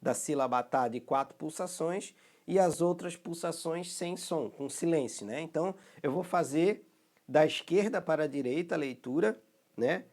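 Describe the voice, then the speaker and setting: A man with a Brazilian Portuguese accent, speaking in a fairly high voice as he teaches a recorded music rhythm lesson. He explains each step patiently and often pauses to check that his students follow along. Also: darkish tone.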